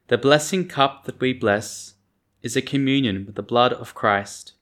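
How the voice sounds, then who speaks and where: Male church lector, formal and measured, for scripture readings and psalm verses at Mass. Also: mid-range voice, a bit bright.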